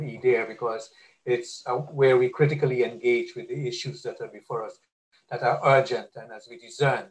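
A man's voice: medium pitch, rough recording. A man hosting a webinar, thanking speakers and guests and announcing the next session in a courteous, plain way. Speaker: webinar host. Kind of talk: moderating a webinar.

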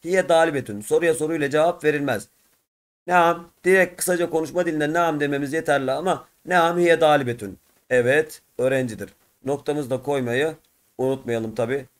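A hoarse man walks through a textbook lesson, reading short phrases and translating each word as he goes. His voice sits a little high for a man and has a rough edge to it. He speaks to his students as friends. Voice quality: rough-edged. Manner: reads Arabic phrases then translates them word by word, addressing students as friends. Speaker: teacher.

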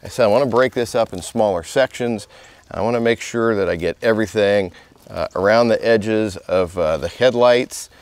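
A middle-aged car detailer gives a casual, conversational hands-on tutorial outdoors in a residential driveway, recorded on a close mic. His lowish voice is smooth and moves at a moderate pace.

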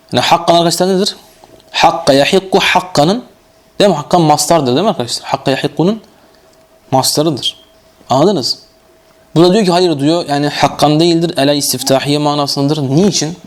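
Turkish man teaching a grammar class, pitched a little high, reads the text and keeps quizzing his students. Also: darkish tone. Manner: questioning students constantly; reads Arabic grammar text aloud and explains. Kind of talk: classroom lecture.

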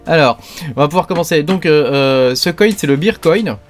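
A man's voice: on the high side, expressive, a little fast, soft background music. A man hosting a joking video about crypto mining, talking loosely with constant fillers and small restarts. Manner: rambling, heavy fillers and verbal tics. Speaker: crypto YouTuber. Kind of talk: joking casual video talk.

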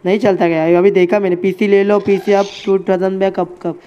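A man's voice: high voice, little pitch movement, a little fast, dark tone, muffled recording. A man streaming a game live, chatting casually with his viewers and friends. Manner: chatty, addresses chat and friends as bhai.

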